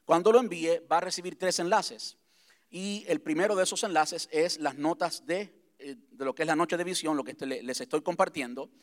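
Speaking in a conversational way, a man with a slightly high voice delivers a vision address as pastor to his congregation. He goes over key points again and slows down to make them clear, all inside the church sanctuary.

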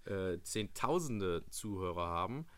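A man's voice: deep voice, lively intonation, unhurried, fairly bright tone. A young man co-hosting a casual podcast chat, rambling with many fillers and restarts. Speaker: podcast co-host.

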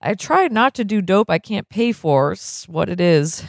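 A reader doing a mellow, wary hippie guy. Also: mid-range voice, lively intonation, normal speed, gravelly, no echo, clean studio sound. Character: laid-back hippie man, wary and mellow.

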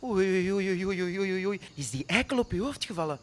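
A man's voice: high-pitched, animated, fairly quick, fairly bright tone. A man voicing a fretful, clumsy male woodpecker who fusses and apologizes. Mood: panicked. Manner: fussing, apologetic, flustered.

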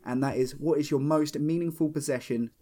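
Guy hosting a chill podcast, kinda higher voice, keeps tripping over his words. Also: fairly even intonation, brisk. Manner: hesitant, stumbling restarts, warm laughs. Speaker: podcast host. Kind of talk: casual interview.

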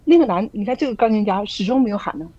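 A woman talks earnestly in a mellow, slightly husky voice and keeps throwing rhetorical questions at her listeners. The sound is dull and lo-fi, close and dry, like an online group call. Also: medium pitch, animated, racing, no echo. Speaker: church group member sharing. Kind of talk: casual spoken sharing.

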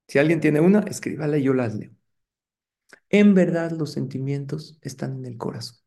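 A middle-aged man, a rabbi giving a lively sermon and putting rhetorical questions to his congregation. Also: a little high. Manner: engaging, asks the audience rhetorical questions.

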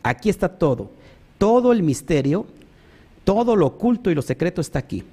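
A man teaching a sermon, stressing points emphatically, often calling out to the congregation and pausing with fillers as he searches for words. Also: high-pitched, big pitch swings, warm tone, breathy edge. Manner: emphatic, repeats "ojo" and "amén", talks to the congregation. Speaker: preacher.

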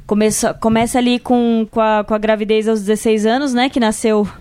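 A woman's voice: on the high side, level tone, brisk, a little mellow, clear, resonant tone, dry recording. A young woman speaking emotionally and tenderly in casual chat, with dry self-mocking asides.

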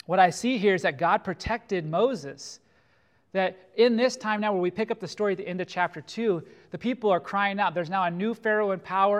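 A middle-aged man from California preaching a sermon as pastor, earnest and slowing down to stress key phrases. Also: sits high, a bit bright, clean tone.

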